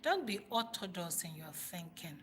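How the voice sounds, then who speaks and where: With slight background noise, a woman with a Nigerian accent and a fairly low voice full of big pitch swings hosts an informal motivational livestream at a moderate pace. She speaks emphatically to live viewers, repeating phrases for stress.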